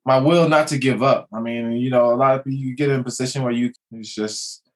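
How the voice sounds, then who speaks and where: A man's voice: medium pitch, fairly even intonation. Young guy from maryland, ex hoops player, keeps restarting his sentences, casual chat. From Maryland, USA. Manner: halting, many restarts and fillers. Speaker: guest, former basketball player.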